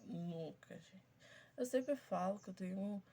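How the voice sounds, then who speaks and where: A woman in her twenties with a stuffy, congested voice, chatting casually to her viewers as she slowly reads out questions and answers each one briefly. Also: mid-range voice, creaky, dark tone, breathy edge. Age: 20s. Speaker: YouTuber. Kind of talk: casual chat to viewers, reading out a question game.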